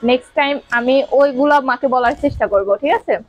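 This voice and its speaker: A woman's voice: sits high, moderate pace. A woman vlogger from Sylhet chatting casually and talking straight to her viewers. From Sylhet, Bangladesh. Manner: chatty, addresses viewers directly. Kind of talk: casual family vlog chat.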